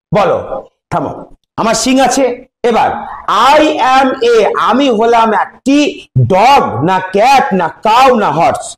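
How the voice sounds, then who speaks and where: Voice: medium pitch, echoey room, slight background noise. A primary school teacher giving a revision lesson, asking questions and answering them, repeating key words and explaining step by step. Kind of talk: revision lesson for young pupils.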